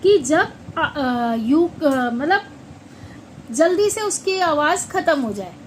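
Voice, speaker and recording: A woman teaches with a very high voice, speaking slowly and saying each word several times before asking it back. Faint noise hums underneath. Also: lively intonation, rough recording. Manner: slow, repeats words and asks questions back. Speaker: English pronunciation teacher. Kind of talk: classroom-style lesson.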